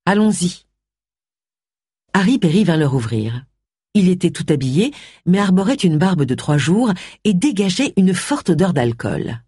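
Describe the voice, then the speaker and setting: An expressive audiobook narrator reading a mystery novel. The pitch moves freely through each sentence, with a slightly breathy tone. The sound is dry and close, with no room behind it. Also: moderate pace, no echo.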